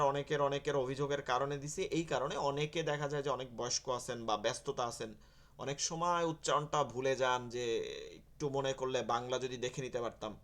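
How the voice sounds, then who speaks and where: A man teaching an online Quran reading class, explaining step by step and having students repeat each letter sound while he gently corrects them. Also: on the high side. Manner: conversational, gently correcting pronunciation.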